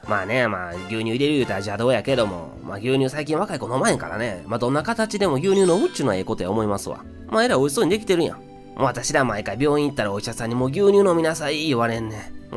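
Nosy middle-aged Osaka auntie, put on by a man, thick Kansai accent, gossipy, rapid-fire talk. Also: mid-range voice, natural voice. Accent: Osaka Kansai dialect. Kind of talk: comic voice-over dub. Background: faint music.

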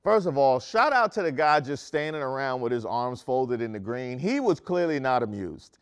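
Animated young man hosting comedy news. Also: mid-range voice, moderate pace, clean tone. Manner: animated, joking, mock-outraged asides. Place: studio set in front of a screen.

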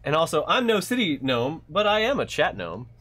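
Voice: mid-range voice, big pitch swings, normal speed, a bit bright. A livestream host chatting casually and reading out viewer comments while painting crafts with friends. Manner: reads viewer comments aloud, playful. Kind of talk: casual group chat on a craft stream.

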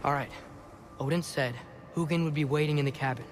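An actor voicing an earnest, determined teenage boy hero in a video game cutscene, speaking slowly and carefully. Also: on the high side, fairly even intonation, soft background music, lightly acted.

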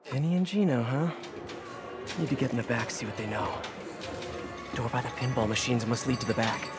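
A man's voice: mid-range voice, brisk, over loud music, natural voice. A young man with an American accent acting a wisecracking, earnest young masked superhero in a video game. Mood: focused.

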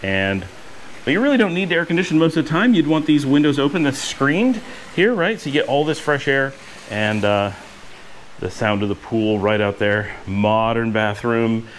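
Walking through the inside and outside spaces of a house with a courtyard pool, a man in his forties vlogs eagerly, rambling with lots of fillers. His medium-pitched voice has lively intonation and a normal speed. A handheld action camera at arm's length picks him up, with a touch of hiss or hum.

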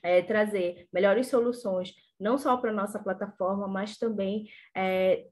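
A young woman from northern Brazil presents her business on a video call. She speaks earnestly, often restarting phrases and filling pauses. Her voice sits at a middle pitch. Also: steady tone, darkish tone. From Pará, Brazil. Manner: earnest, with frequent restarts and fillers. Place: home office room.

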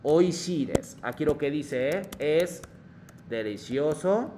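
This Spanish-speaking Japanese teacher has a fairly high, animated voice and takes things slowly, with background noise audible. Teaching online, he explains patiently, weaves in Japanese phrases and keeps checking on his students.

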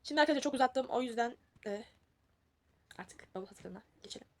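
Young girl vlogging her packing, high voice, rambles a lot, faint hiss behind. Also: fast. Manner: chatty, rambling, self-mocking. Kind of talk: casual packing vlog.

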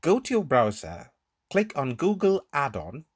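Man narrating a screen recording, lively pitch. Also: a little slow, breathy edge. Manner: informal step-by-step explaining. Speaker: tutorial presenter. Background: voice-over on a screen recording.

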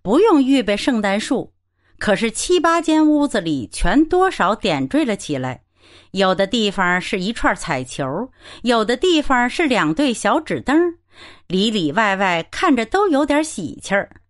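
A woman narrating a novel for an audiobook in a lively storytelling manner. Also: on the high side, a little slow.

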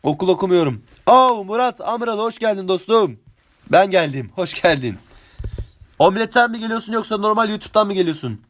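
Young male streamer, 18, high-pitched, excitable, chatty play-by-play with hummed sound effects. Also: brisk. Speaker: game streamer. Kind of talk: live gameplay commentary.

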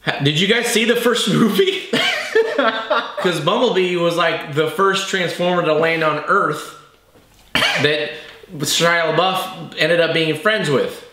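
Tipsy, exasperated man ranting, bright forceful voice. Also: on the high side, very animated, slow. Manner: tipsy from drinking during the review. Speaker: movie review host. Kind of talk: comedic rant, movie review. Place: small indoor bar-style set with brick wall. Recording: roomy, echoey indoor sound.

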